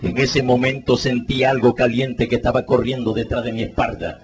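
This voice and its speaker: A man giving a dramatic spoken testimony as a preacher, telling it earnestly and rising into anguished pleading shouts. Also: mid-range voice, little pitch movement, moderate pace, background noise.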